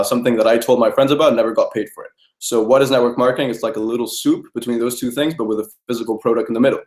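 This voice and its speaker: A young man giving a persuasive sales training talk to a group, firing rhetorical questions and checking in with "okay?". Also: medium pitch. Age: young adult. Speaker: network marketing trainer. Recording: roomy echo.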